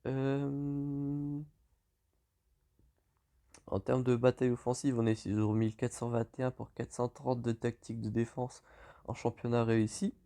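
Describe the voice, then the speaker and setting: A man's voice: mid-range voice, unhurried, long pauses. A man with a French accent giving casual, hesitant commentary on his game, correcting himself as he goes. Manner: relaxed, lots of hesitations and self-corrections. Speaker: gaming YouTuber.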